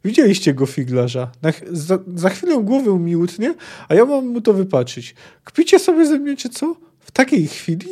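A man puts on a stubborn young poet in a spoken book reading. The poet's voice shoots up high and gets loud with mocking disbelief. His tone stays dark and mellow underneath. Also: very animated, normal speed. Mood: indignant. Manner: incredulous, mocking protests.

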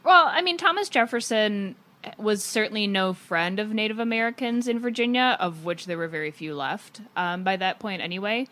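A woman's voice: medium pitch, normal speed, a bit bright. A woman speaking as a panelist in an informal, analytical discussion, with conversational asides. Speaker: history panelist.

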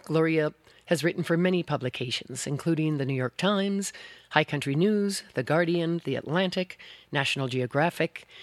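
A woman's voice: sits low, dry recording. Female radio science host, American, presenting scripted intros and interviews in a dry studio.

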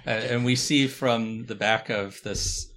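A man casually narrating a tabletop role-playing game, haltingly, thinking aloud as he goes. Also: mid-range voice, steady tone, fairly bright tone, slight background noise. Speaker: game facilitator and player.

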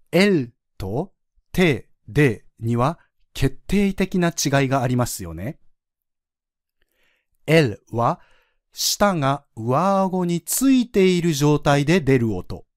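Man, language teacher, podcast lesson, patient demonstrations, animated intonation, unhurried. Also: a little high, no echo, clean studio sound. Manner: patient, demonstrates sounds slowly for listeners to repeat. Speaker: French teacher.

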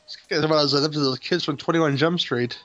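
A man with a fairly high, bright voice chats and wisecracks through a film commentary. The recording is somewhat dull and lo-fi, with music in the background. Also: steady tone, quick pace. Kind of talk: casual joking chat over a film. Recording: dull lo-fi sound, music behind.

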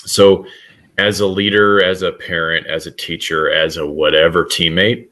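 A man's voice: low voice, level tone, normal speed, sharp tone. A middle-aged man, a guest author, talking earnestly in a casual podcast interview with frequent restarts.

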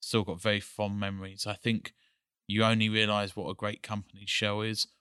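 A man with an English accent, a guest on a podcast, talking in a measured, articulate way with frequent pauses to think. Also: on the low side, flat delivery, sharp tone, clean tone, dry recording, studio quality. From England. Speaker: guest, energy company CEO. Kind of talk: casual podcast chat.

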